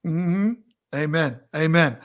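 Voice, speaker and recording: A man's voice: fairly high pitch, slow pace. A man hosting a casual live-stream talk show, upbeat and playful, laughing often as he chats from home over a video call. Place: home in Minneapolis.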